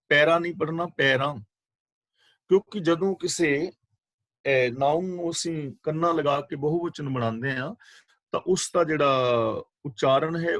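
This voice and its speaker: A man giving a scripture exposition class on a video call, explaining patiently and repeating key words in a measured way. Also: on the high side, a bit bright, no echo. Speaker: Sikh scripture teacher. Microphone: video call microphone.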